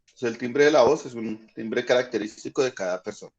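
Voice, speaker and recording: A man teaching a high school physics class online, patiently explaining and checking in with the students often. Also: brisk, dull audio.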